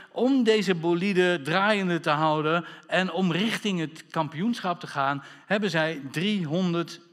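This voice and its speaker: A man preaching a sermon as pastor, playful with wordplay and calling for amens from the congregation. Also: on the high side. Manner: lively, playful wordplay, calls for amen. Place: church hall. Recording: reverberant church hall.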